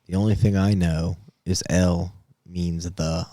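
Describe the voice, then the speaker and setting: A man's voice: sits low, flat delivery, a little slow, dark tone, no room sound, clean studio sound. A man co-hosting a podcast in casual chat, joking crudely, swearing freely and laughing often. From Indiana. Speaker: podcast co-host.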